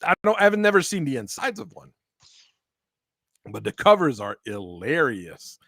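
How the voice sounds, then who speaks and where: A man hosting a casual chat, talking in a rambling, halting way with frequent restarts. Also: on the high side, very animated, fairly bright tone, no room sound, studio quality. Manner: rambling, halting, laughs often. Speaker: host.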